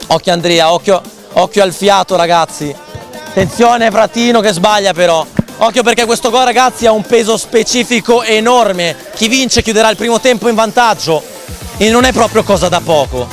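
Un uomo che fa una telecronaca di calcio concitata, senza fiato e drammatica, con urla di gol allungate e la voce sotto sforzo. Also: male voice, high voice, normal speed. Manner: breathless, dramatic, exclamatory. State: voice straining. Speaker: football match commentator. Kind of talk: excited football commentary with drawn-out goal calls. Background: loud hip hop music.

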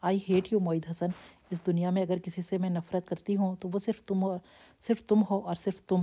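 A woman's voice: lowish voice, flat delivery, warm tone, muffled recording, close to an everyday voice. A woman reading the outburst of an angry, humiliated young woman in a choked, bitter tone. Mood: furious.

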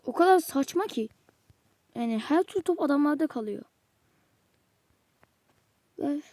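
A woman's voice: sits high, expressive, unhurried, dark tone, no echo. A woman giving exasperated live commentary while playing a football video game, muttering to herself and snapping at the game. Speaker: gamer.

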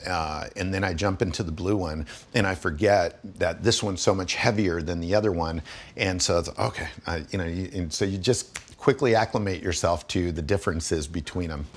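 A man in his forties, from Guatemala, a garage owner telling his story in a friendly, enthusiastic, casual interview inside a large garage. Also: low-pitched. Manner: enthusiastic, friendly, lots of fillers. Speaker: garage owner, vintage bus restorer. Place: large indoor garage full of old buses.

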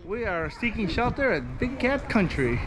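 A man's voice: high-pitched, very animated, moderate pace, fairly bright tone. A middle-aged man narrating a casual walking-tour vlog with a camera held at arm's length, chatty and upbeat as he walks. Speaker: family vlogger. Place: outdoors at a zoo. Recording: outdoor noise.

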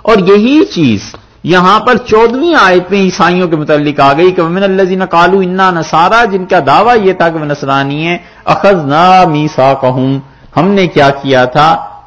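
A male preacher giving a sermon, quoting scripture verses and explaining them with rhetorical questions. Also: sits high. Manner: lively, rhetorical, quotes Arabic verses then explains. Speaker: mufti preacher. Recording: dull lo-fi recording.

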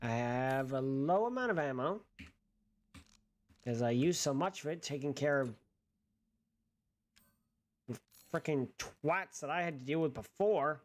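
High-pitched young man, sweary gaming commentary. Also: expressive, a little slow, long pauses. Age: young adult. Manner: sweary, sarcastic. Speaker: gaming streamer. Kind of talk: casual gameplay commentary. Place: small bedroom-like room indoors.

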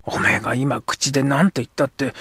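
A man voicing a rough, sulky young Edo street boy who talks in coarse slang. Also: medium pitch, fairly quick, fairly bright tone, dry recording, studio quality. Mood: sulky, gruff. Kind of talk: audiobook character voice.

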